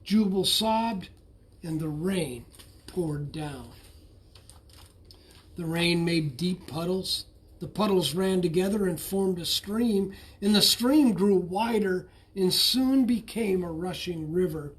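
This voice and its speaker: Slow, expressive male storybook reader. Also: high voice. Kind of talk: read-aloud picture book narration.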